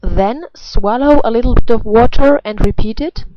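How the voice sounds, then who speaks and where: A woman's voice: fairly high pitch, moderate pace, noisy background. A woman with a German accent, a native German speaker, giving a pronunciation lesson and demonstrating a throaty, gargled R. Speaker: pronunciation teacher. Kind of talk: instructional language lesson. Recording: dull, lo-fi sound.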